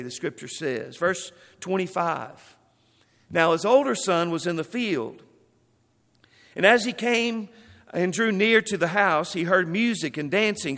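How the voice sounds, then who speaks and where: A man's voice: sits high, fairly bright tone, in a large hall. A man preaching a sermon. He reads scripture passages aloud and then explains them.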